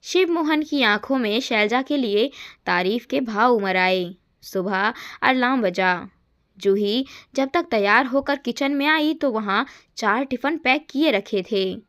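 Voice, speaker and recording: A woman narrating a scripted family story in a calm, even storytelling manner. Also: a little high, measured pace.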